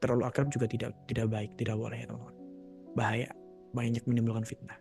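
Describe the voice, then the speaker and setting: A man's voice: medium pitch, flat delivery, fast talker, gravelly, darkish tone, soft background music. A man mentoring young people in a live question-and-answer session, reading out questions and giving casual, direct advice. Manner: casual, direct advice-giving, mock voices when quoting.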